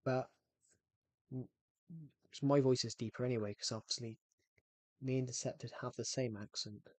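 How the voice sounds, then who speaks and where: A gaming streamer chats casually while playing on a livestream, rambling and frequently repeating or restarting his phrases. His mid-range voice is steady and at normal speed, with no room sound.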